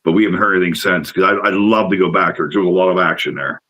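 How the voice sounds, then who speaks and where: A middle-aged man telling a rambling, excitable story as a guest in casual chat, repeating words as he goes. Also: deep voice, racing, lo-fi sound. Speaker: paranormal investigator guest.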